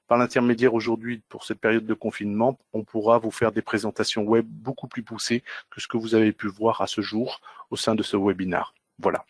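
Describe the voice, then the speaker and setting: A man's voice: lowish voice, no room sound. Hesitant man hosting a webinar. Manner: hesitant, many fillers and restarts. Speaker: webinar host. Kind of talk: corporate webinar wrap-up. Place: home or office during lockdown.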